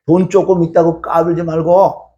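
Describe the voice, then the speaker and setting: A middle-aged man preaching a sermon as a pastor, telling a story in an animated way and acting out scolding voices. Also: a little high, normal speed, highs cut off.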